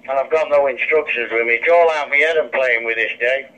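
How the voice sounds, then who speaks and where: A man with a medium-pitched, bright, forceful voice talks a little fast, chatting casually over two-way radio as an amateur radio operator. His voice comes through a handheld radio, with the dull, lo-fi sound of a two-way radio speaker.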